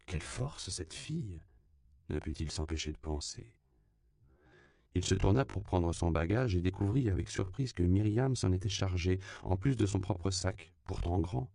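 A man reading a novel aloud in a measured, sober narration. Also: low voice, gravelly, warm tone, no echo, clean studio sound. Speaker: audiobook narrator. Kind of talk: scripted narration.

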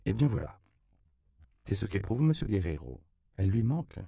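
A man's voice: on the low side, very animated, normal speed, vocal fry, warm tone, no echo, studio quality, voice pushed up. A man reading an audiobook, voicing a mysterious, alluring woman who speaks in a coaxing yet imperious way.

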